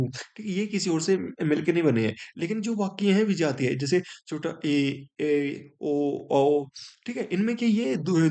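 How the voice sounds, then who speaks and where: A man's voice: on the high side, a little mellow. A man teaching a grammar lesson for exam students, explaining step by step and checking in with his listeners.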